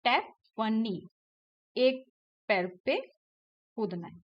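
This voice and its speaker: Woman teacher, slightly high voice, slow patient delivery, drills letter sounds, lo-fi recording. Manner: mixes Hindi explanation with English words. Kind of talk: explaining a textbook lesson to young pupils.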